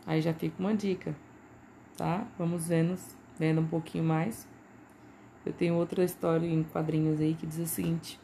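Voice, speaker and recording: A woman's voice: low voice, flat delivery, normal speed, creaky, dark tone, a little hiss or hum. A Brazilian woman teacher giving a recorded lesson, talking patiently and checking in with listeners as she goes. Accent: Brazilian Portuguese. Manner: patient, repeats points with frequent "né" and "tá".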